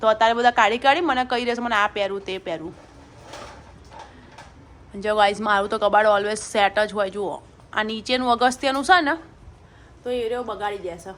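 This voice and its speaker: A woman's voice: fairly high pitch, brisk, fairly bright tone, a little hiss or hum. A young woman with a Gujarati accent, chatting casually in her family cooking vlog, calling her viewers "guys" and laughing often. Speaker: family vlogger.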